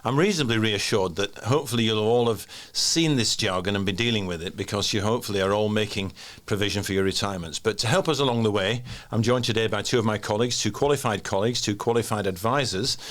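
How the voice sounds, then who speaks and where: A man's voice: lowish voice, quick pace, few pauses, fairly bright tone. A man with a broad Yorkshire accent hosting a podcast in a jokey, plain-speaking, conversational way. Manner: jokey, plain-speaking, checks understanding with questions. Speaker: podcast host.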